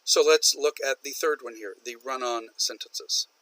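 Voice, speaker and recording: A man's voice: mid-range voice, normal speed, a bit bright, dry recording, poor audio. A man lecturing a university business English class, patiently repeating and stressing example sentences. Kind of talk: recorded online lecture.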